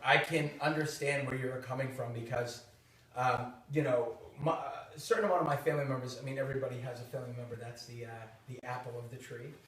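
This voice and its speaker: This thirty-something host from Boston chats casually and with energy, laughing often and restarting his sentences, in a Boston accent. His mid-range voice is quick, fairly even in intonation and a bit bright, recorded distantly in an echoey room.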